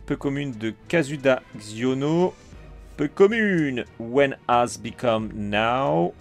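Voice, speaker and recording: A man with a French accent chatting casually while opening trading cards, calling out each card and getting excited. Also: fairly high pitch. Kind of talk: casual card-unboxing commentary.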